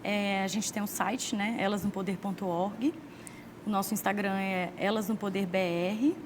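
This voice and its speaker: A woman's voice: mid-range voice, steady tone, moderate pace, noisy background. A Brazilian woman guest on a studio talk show who explains her group's work at length and speeds up when she quotes other people. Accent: Brazilian Portuguese. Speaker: guest, political organizer.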